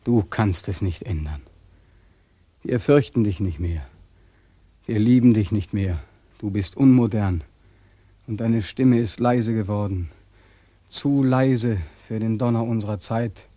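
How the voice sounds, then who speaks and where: An actor playing a bitter, disillusioned young war veteran in a radio drama, mocking and accusing, breaking into anguished outbursts. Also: male voice, lowish voice, unhurried, pauses often, dark tone, dry recording.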